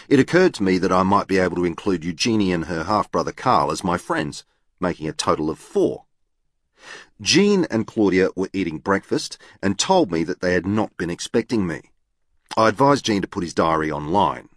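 A man narrating a novel in the first person, precise, formal and deadpan. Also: sits low, no room sound, clean studio sound. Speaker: audiobook narrator.

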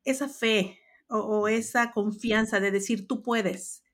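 A woman's voice: on the high side, steady tone, slow, a bit bright. A woman hosting a podcast, interviewing her guest and reflecting on his stories with affirming remarks. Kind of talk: conversational interview.

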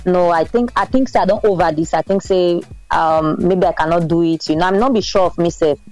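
Woman, low voice, relaxed storyteller, faint music behind. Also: a little fast, rough recording. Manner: relaxed, storytelling, mixes Pidgin into English. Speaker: singer and interview guest. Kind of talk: casual interview chat.

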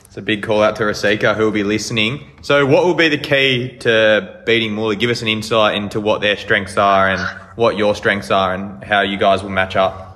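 A man's voice: on the low side, fairly even intonation, moderate pace, sharp tone, in a large hall. A man co-hosting a casual sports interview and putting questions to the guests. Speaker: co-host interviewer.

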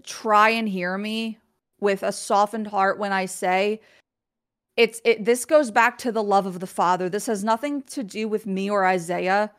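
Woman guest joining by video call; earnest, candid, middle-pitched, casual fillers. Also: a little slow. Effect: heard over a video call connection. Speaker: guest co-host on a faith livestream. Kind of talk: casual livestream chat and scripture reading.

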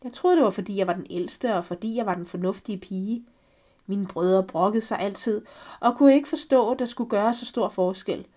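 A woman reading a first-person story aloud for a podcast, calm and measured. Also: mid-range voice. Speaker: podcast reader.

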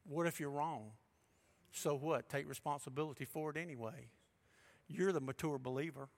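A male pastor preaching a sermon, emphatic and shifting between loud and hushed delivery. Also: on the high side, normal speed.

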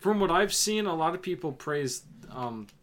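A young man co-hosting a casual podcast chat, rambling with lots of "um" and "yeah" and making deadpan jokes. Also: fairly high pitch, moderate pace. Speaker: podcast co-host.

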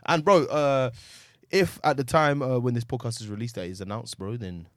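A man's voice: mid-range voice, normal speed, fairly bright tone, dry recording, studio quality. A man with an urban London accent and matey, slangy delivery, hosting casual football podcast banter. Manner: slangy, matey street talk. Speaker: podcast host.

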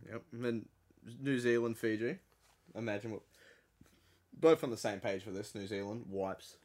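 A man's voice: fairly low pitch, normal speed, a little mellow. An Australian man co-hosting a podcast, bantering casually with a friend in a blokey, sweary, teasing way. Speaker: podcast co-host.

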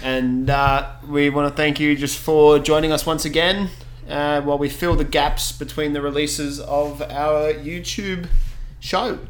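A man's voice: on the high side, little pitch movement, measured pace, a little hiss or hum. A man co-hosting a casual podcast chat, talking in a laid-back, rambling way and laughing easily. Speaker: podcast co-host.

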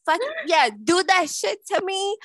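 A woman's voice: very high voice, measured pace, fairly bright tone, dry recording. A tipsy young woman co-hosting a podcast, telling a crude story with giggles and restarts. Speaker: podcast co-host. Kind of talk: casual chat.

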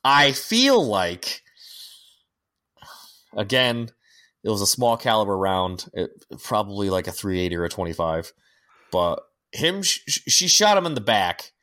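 A man's voice: fairly low pitch, big pitch swings, unhurried, bright, forceful tone. A man co-hosting a casual podcast, rambling with lots of fillers and restarts, swearing freely. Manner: firearms-nerd critiques. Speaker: podcast co-host. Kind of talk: casual chat.

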